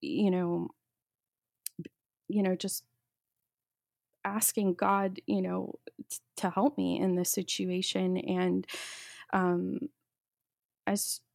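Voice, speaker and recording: A woman with a low, gravelly voice and a mellow, dark tone tells her story as a podcast guest. She talks haltingly, circling back with fillers and restarts. The recording is close and dry. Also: flat delivery, no echo. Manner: halting, many restarts and fillers while recounting. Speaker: guest sharing a testimony. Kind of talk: personal storytelling in an interview.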